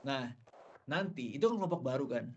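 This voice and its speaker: A man in a role-play game playing a gang leader, calmly laying out plans for his crew. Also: medium pitch, brisk, lo-fi sound. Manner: calm, directive, lays out plans. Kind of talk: in-character role-play planning talk.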